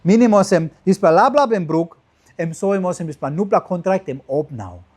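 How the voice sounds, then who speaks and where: A man with a Papua New Guinean accent teaches from the Bible as a preacher in pidgin, in short repeated phrases that rise with emphasis and then trail off softly. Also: animated, fairly quick. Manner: emphatic rises trailing off into lower, softer phrase endings.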